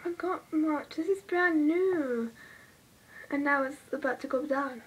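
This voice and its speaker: A woman's voice: sits high, a little slow. A woman vlogging from her bedroom, chatting in a rambling way and muttering asides to herself, with a TV playing in the background. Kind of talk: casual chat while doing makeup. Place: bedroom at home.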